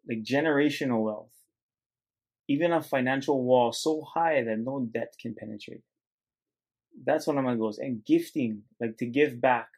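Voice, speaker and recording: A man runs a motivational podcast solo, speaking earnestly and loosely to his listeners, whom he calls "guys." His medium-pitched voice is a little mellow, and he rambles, circling back and restarting his thoughts.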